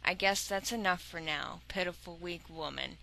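A woman reading an audiobook, voicing a cruel male dungeon interrogator who mocks and threatens calmly. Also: fairly low pitch, normal speed, creaky. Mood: cold. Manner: cold, mocking, growling threats.

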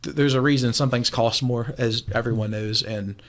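A man in his forties, an appliance store owner, talking briskly and confidently as a guest on a radio show over a video call. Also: mid-range voice, steady tone. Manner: brisk, confident business talk. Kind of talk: casual radio talk interview. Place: small room, indoors, remote video call. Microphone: studio mic with headphones.

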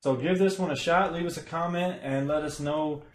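A man's voice: a little high, moderate pace. Laid-back man giving a game guide. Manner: relaxed, rambling, many fillers. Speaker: streamer explaining a gold farm. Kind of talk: casual game guide commentary. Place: home room, indoors. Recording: echoey room.

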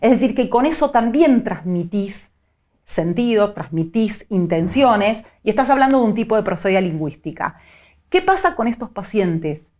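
A middle-aged woman with a Rioplatense Spanish accent, a psycholinguist giving clear, teacherly explanations in an interview. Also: mid-range voice, sing-song, moderate pace, a little mellow. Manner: clear, didactic, illustrates points with examples. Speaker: psycholinguist guest.

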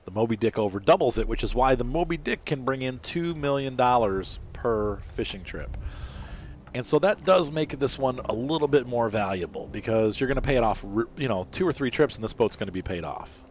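This is casual gameplay commentary from a man reviewing a fishing game as he plays, often apologizing and correcting himself mid-sentence. His voice is mid-range, expressive, and a little fast, and there's slight background noise.

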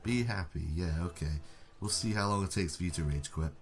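A man's voice: deep voice, fairly quick, soft background music. A young man giving casual, sarcastic running commentary over a car-football game, mocking himself and his teammates. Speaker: gaming YouTuber.

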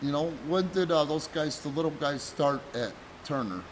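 A man's voice: on the high side, animated, moderate pace, slight background noise, poor audio. A middle-aged man co-hosting a casual chat, telling stories in a profane, rambling way. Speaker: podcast co-host, wrestling promoter.

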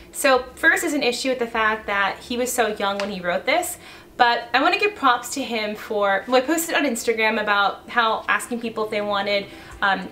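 A young woman, a vlogger and YouTuber talking fast and chattily to her viewers. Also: on the high side, sharp tone, slight background noise. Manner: fast, chatty, laughing asides. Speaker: YouTuber and blogger. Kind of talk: casual vlog commentary.

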